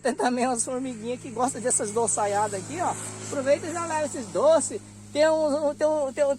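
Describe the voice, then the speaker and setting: A chatty, high-voiced Brazilian man vlogs casually as he walks around a roadside vegetable stand outdoors in the hot afternoon sun. He laughs often and keeps saying "rapaz" and "ó."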